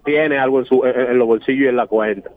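A man's voice: mid-range voice, steady tone, fast, dry recording. A man with a Dominican accent, an Uber driver telling a slangy, swaggering anecdote on a radio show. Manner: streetwise, slangy, swaggering storyteller. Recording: tinny, dry phone line.

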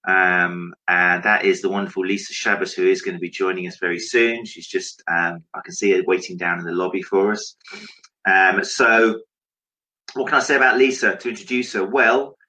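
A man's voice: low-pitched, fairly even intonation, normal speed, pushed and bright, low-quality recording. A man, casually hosting an online interview from home, talking informally to the viewers and his guest. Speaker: online show host. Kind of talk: casual interview and introduction to camera. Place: home office.

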